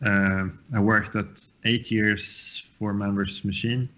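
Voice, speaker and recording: A man's voice: fairly low pitch, flat delivery, takes it slowly, bright, forceful tone, dull audio. A man from Sweden, a guest on a live show, chatting casually and loosely with fillers and restarts. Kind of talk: casual podcast chat.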